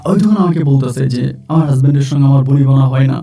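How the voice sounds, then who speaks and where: A man's voice: mid-range voice, racing, mellow. A man telling his own true-life story in plain, conversational first-person narration, often repeating himself. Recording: distant mic with faint music.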